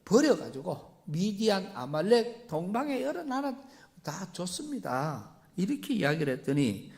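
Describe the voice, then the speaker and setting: A male pastor with a Gyeongsang accent preaching a sermon. He reads scripture and retells it in everyday words, swinging between loud emphasis and quiet asides. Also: high-pitched, very animated, unhurried, gravelly. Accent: Gyeongsang Korean.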